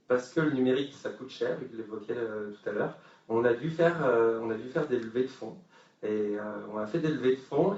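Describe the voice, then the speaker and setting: A man's voice: mid-range voice, a little mellow, reverberant. Guy telling a funny story at a conference, lots of euh, dull far-off sound. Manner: anecdotal, humorous, many hesitations. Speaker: speaker at a forum. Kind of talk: conference talk. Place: conference hall with audience.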